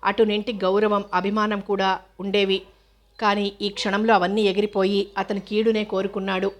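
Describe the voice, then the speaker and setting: A woman narrating a novel in a steady, even reading voice. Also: mid-range voice, normal speed. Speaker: audiobook narrator.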